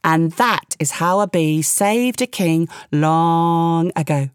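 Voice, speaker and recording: A woman narrating a fairy tale with expressive, playful storytelling and the odd aside. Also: sits low, takes it slowly, clear, resonant tone, no room sound, clean studio sound.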